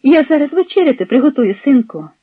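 Man doing a gentle old village mother, fretful, high and husky, tinny radio. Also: sing-song, brisk, no echo.

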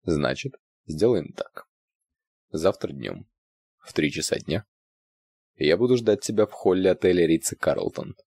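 A smug, ironic man teasing calmly in a very low voice, as a male narrator plays him. The pitch still moves about freely, and the sound is dry and close. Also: a little slow, gravelly, long pauses, slightly rough, no echo, heavily acted.

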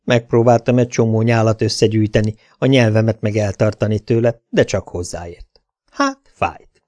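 A man's voice: fairly low pitch, darkish tone, dry recording, clean studio sound. A man narrating a first-person audiobook in a laconic, wry way.

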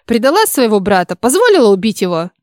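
A woman's voice: a little high, very animated, quick pace, no echo, studio quality. A woman reading the lines of a terrified young boy in an audiobook, with a thin, frightened, pleading voice.

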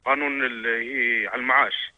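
Gulf guy on a thin phone line asking a question, talks really fast. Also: mid-range voice, steady tone. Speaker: caller. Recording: tinny narrow phone line.

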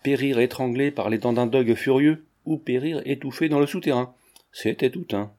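A man narrating a novel as an audiobook in a measured, dramatic reading. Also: medium pitch, warm tone.

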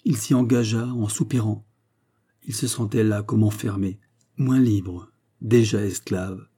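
A man reading a classic fairy tale aloud in a measured, expressive storybook narration. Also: fairly low pitch, breathy edge.

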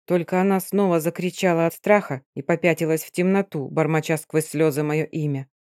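Storybook narrator, steady mid voice, dead dry sound. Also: medium pitch, a little fast, dry recording. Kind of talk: audiobook narration.

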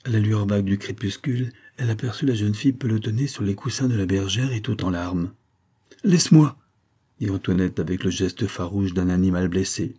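A man reads a serialized novel aloud in a measured, even storytelling manner. His voice is low, dark and mellow, with a husky grain. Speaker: narrator.

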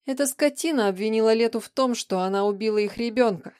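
A woman's voice: a little high, fast talker, a little mellow, clear, resonant tone, no room sound, studio quality, voice pushed up, natural voice. A woman voicing a volatile young woman's vicious, mocking alter ego in an audiobook reading, snarling and hurling insults. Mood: furious.

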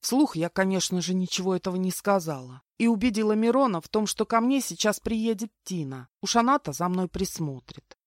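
A woman's voice: medium pitch, fairly quick, hardly any pauses, no echo, clean studio sound. Wry woman narrating an audiobook. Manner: lively, wry storytelling. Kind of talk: first-person audiobook narration.

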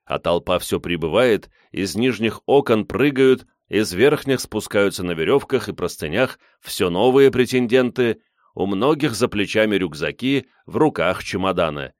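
A man narrating a story as an audiobook in a wry, lively storytelling manner. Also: fairly low pitch, normal speed, no room sound, studio quality.

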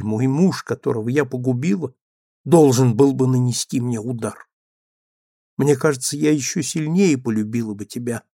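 Brief: male reader voicing a young woman, meek and remorseful, pleading, with a gravelly low edge. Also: mellow, no room sound, studio quality. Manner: pleading, trembling. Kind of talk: audiobook character reading.

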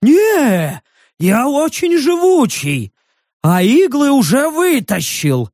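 A shrill, jumpy furry beast-man yelps and squeals his defenses, high-pitched and slow, dragging out his words, as a man puts him on. The voice is dry and close, with no room around it, in the manner of an audiobook. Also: wildly swooping pitch, no room sound, exaggerated voice. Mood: eager, boastful. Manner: high yelping, defensive shouting. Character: jittery furry male beast-man, loud and touchy.

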